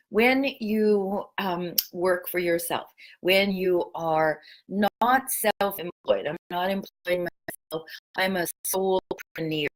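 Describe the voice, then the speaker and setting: In a lowish voice and a Pacific Northwest American accent, a middle-aged female spiritual coach chats gently in a casual vlog style about spiritual topics. She also leads some guided breathing.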